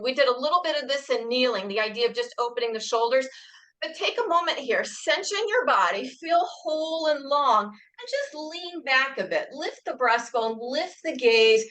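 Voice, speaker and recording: Woman fitness instructor, high bright voice, calm encouraging class cues. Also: low-quality recording. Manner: calm, encouraging, asks reflective questions. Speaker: Pilates instructor. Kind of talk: guided exercise class cueing.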